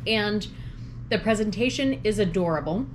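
A woman's voice: medium pitch, lively intonation, normal speed, a little hiss or hum. Chatty woman taste-testing food. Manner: chatty, describes flavors and textures in detail. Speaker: food blogger recreating vintage recipes. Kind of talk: casual taste-testing commentary.

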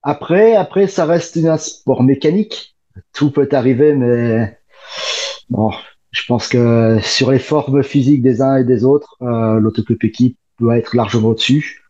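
A man who is a guest journalist on a podcast, speaking in halting casual chat with frequent fillers. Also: mid-range voice, dark tone, husky. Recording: dull, lo-fi sound.

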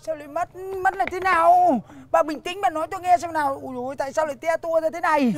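An actor playing a bumbling, flustered husband who stammers and pleads in a comedy film. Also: male voice, extremely high pitch, fairly even intonation, fast talker, no room sound. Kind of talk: comic film acting.

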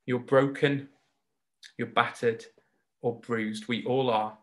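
Male preacher, mid pitch, earnest and heartfelt, slow emphatic pauses; online worship sermon. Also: fairly even intonation, a bit bright. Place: home recording for an online service.

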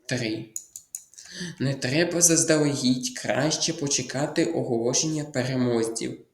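A man's voice: mid-range voice, echoey room. A man tutoring, explaining test answers step by step, thinking aloud with fillers and restarts and repeating key words. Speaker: Ukrainian language tutor.

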